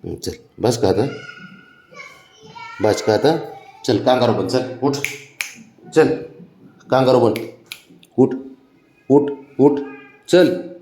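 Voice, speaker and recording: A man's voice: medium pitch, lively intonation, drawn-out words, pauses often, mellow, echoey room, slight background noise. A man chatting casually to his pet cat, coaxing and teasing it in a playful baby-talk way. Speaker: pet owner vlogger.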